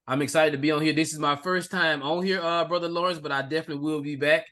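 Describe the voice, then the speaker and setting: Fast-talking, eager man introducing himself. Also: on the high side, fairly even intonation, fairly bright tone. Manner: eager, keeps adding "man". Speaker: attendee, real estate investor. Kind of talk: self-introduction on a video call. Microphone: video call.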